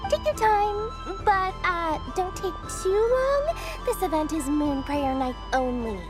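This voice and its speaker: A woman's voice: very high-pitched, big pitch swings, takes it slowly, heavily acted. A woman voicing a small, greedy female festival merchant in a video game, with theatrical, coaxing, singsong sales patter. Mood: salesy, eager. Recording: music playing behind the voice.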